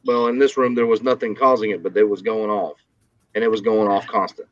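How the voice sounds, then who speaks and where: A man explaining paranormal equipment on a live stream, halting and full of fillers. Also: on the low side, level tone, dull audio, a little hiss or hum. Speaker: paranormal investigator.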